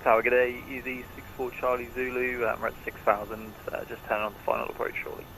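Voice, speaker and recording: A man's voice: flat delivery, fast talker, a bit bright, rough recording. A man as a pilot reporting to the tower over a headset radio. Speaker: flight sim pilot on air traffic radio. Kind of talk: radio phraseology. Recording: pilot radio with faint rumble.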